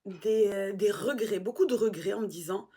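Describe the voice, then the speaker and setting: A woman vlogger in casual chat, animated and self-mocking, swearing now and then. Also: mid-range voice, normal speed, breathy edge.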